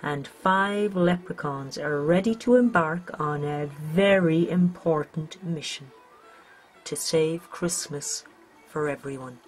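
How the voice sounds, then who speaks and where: Narrating a scripted children's storybook, an Irish woman speaks with a deep voice at a slow pace. Music plays beneath her.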